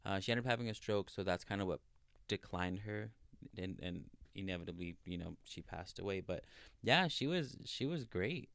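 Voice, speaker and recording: A man's voice: low voice, lively intonation, normal speed, vocal fry, a bit bright, no echo. A man in his thirties co-hosting a podcast, telling stories in a chatty, earnest way with many fillers. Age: 30s. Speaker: podcast co-host. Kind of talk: casual chat.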